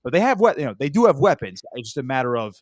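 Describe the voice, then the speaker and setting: A sports talk host, a man with a New Jersey accent, argues his points emphatically and trips over repeated words as he pushes ahead. His voice sits at an ordinary pitch for a man. The sound is dry and close, with no room around it. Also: big pitch swings, rapid-fire, no echo. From South Jersey. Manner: emphatic, stammers and repeats himself.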